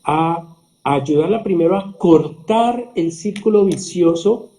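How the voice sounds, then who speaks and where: A middle-aged man, a surgeon, calmly explaining in a conversational interview, slowing down for emphasis. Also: fairly high pitch. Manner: calm, explanatory, slows down for emphasis. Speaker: surgeon and podcast guest.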